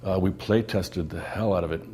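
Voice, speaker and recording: A man's voice: sits low, moderate pace, dark tone, slightly rough. A man, a game developer, sharing enthusiastic anecdotes in an interview. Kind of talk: interview recollection.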